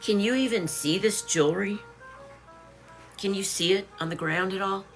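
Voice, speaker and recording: Faint music sits behind this woman's medium-pitched voice as she talks at a normal speed. She's in her late fifties, selling online through a home live stream, chatting casually, greeting viewers by name and listing her items.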